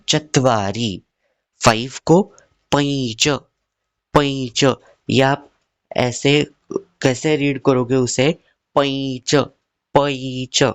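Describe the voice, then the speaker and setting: A man leads a lesson for children in a steady, patient way. He asks each question twice and then drags out the answer so the class can repeat it. His talk is unhurried and the sound is dry and close, with no room echo. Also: medium pitch. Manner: drills with repeated questions and slow, stretched answers. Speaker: teacher.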